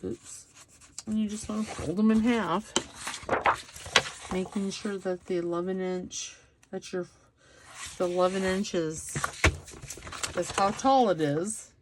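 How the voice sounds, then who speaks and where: A woman's voice: medium pitch, steady tone, slow, pauses often, background noise. A middle-aged woman hosting a casual craft tutorial, chatting and making self-deprecating asides as she works at her table. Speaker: craft channel host.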